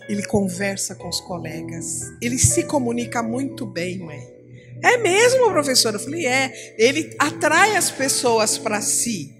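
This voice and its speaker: Animated Brazilian woman telling classroom stories. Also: fairly high pitch. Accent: Brazilian Portuguese. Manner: animated storytelling, acting out dialogue. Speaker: teacher and church speaker. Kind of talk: church teaching talk with acted-out stories.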